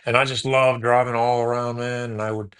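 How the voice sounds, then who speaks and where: A Houston podcast host in his late forties rambles through his story in casual interview answers, often correcting himself and saying "man" and "dude." He has a medium-pitched, smooth, somewhat bright voice, with a flat delivery and a slightly quick pace.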